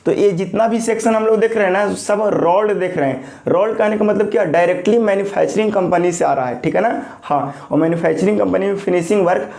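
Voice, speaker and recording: A man's voice: high voice, quick pace, creaky, few pauses, a little mellow. A man teaching a lecture, asking questions and answering them himself, his voice a little thick from a sore throat. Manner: repeats key terms as call-and-response questions. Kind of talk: classroom lecture.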